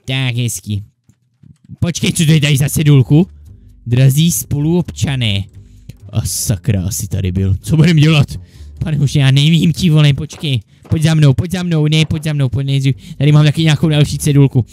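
A man's voice: a little high, darkish tone, no echo, soft background music. A man playing through a comedic game parody, chattering nervously and swearing often as he plays two bickering friends. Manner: jittery, panicky banter with frequent mild swearing; switches between two bickering sidekick characters. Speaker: gaming YouTuber. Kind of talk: comedic Minecraft let's play.

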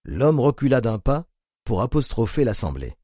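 Guy reading a dark audiobook, low mellow voice, lively intonation, dry close recording. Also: breathy edge, no room sound. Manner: grave, measured reading. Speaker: audiobook narrator. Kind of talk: scripted narration.

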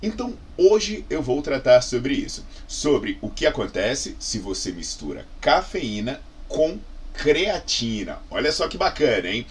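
A Brazilian man in his forties, a fitness science YouTuber, gives an informal explainer to camera from a small indoor office lined with bookshelves. Animated and conversational, he uses rhetorical questions and frequent "né" tags in a Brazilian Portuguese accent. His mid-range voice is slightly rough and a little slow.

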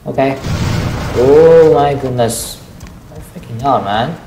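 A man's voice: mid-range voice, takes it slowly, reverberant, noisy background. A man casually commenting on a video game during a live stream, exclaiming often and rambling. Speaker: gaming streamer.

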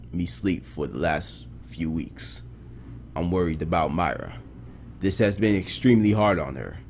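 A man voicing a weary, grieving male detective, reading a journal in slow, hushed noir narration. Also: rumbling low, creaky, a little hiss or hum, pitched below the performer's own voice, full character voice.

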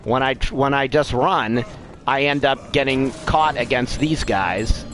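A man's voice: medium pitch, measured pace, a bit bright. A middle-aged man giving casual gameplay commentary as a live streamer, in a grumbling, exasperated, sweary way. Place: room at home. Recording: clearly noisy home stream recording.

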